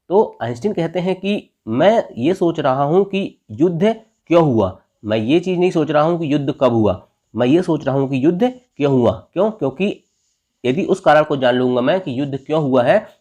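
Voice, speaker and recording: A man's voice: fairly high pitch, darkish tone. A man with an Indian accent teaching an exam-prep grammar lesson, who keeps asking and answering his own questions and tags phrases with "theek hai".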